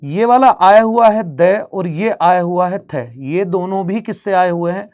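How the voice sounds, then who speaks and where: Guy from bihar teaching grammar, high voice, keeps asking the class questions. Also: unhurried, a little mellow. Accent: Bihari Hindi. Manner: explains step by step, asks students rhetorical questions. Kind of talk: exam-prep grammar lesson.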